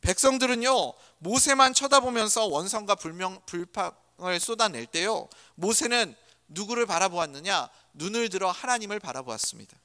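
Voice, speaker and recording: A man's voice: high voice, expressive, normal speed, hardly any pauses, sharp tone, clear, resonant tone. A male pastor preaching a sermon in a church, asking the congregation many rhetorical questions. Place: church sanctuary. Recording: church hall reverb.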